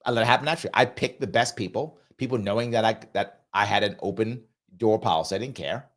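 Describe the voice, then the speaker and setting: Reading out comments from viewers, a man hosting a political talk show responds bluntly, hammering his points through repetition, still troubled by a lingering cough. He speaks fast in a fairly low, fairly bright voice.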